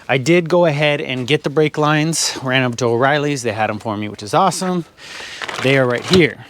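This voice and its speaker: A man's voice: mid-range voice, slight background noise. A man chatting casually while working on a truck in his garage, laughing often and a bit out of breath. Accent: Californian English. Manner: chatty, laughs often, calls viewers guys. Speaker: garage vlogger. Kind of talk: casual how-to narration. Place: home garage.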